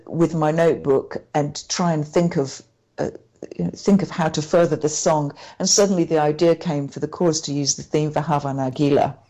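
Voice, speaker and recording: Low-voiced woman, halting interview guest. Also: dark tone. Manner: halting, often restarts her sentences. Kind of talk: conversational interview.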